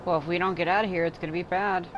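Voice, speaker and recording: A woman's voice: on the low side, steady tone, rapid-fire, background noise. A woman giving casual, slangy, sweary reactions as she plays a video game. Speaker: game streamer. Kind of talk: casual reaction commentary over gameplay.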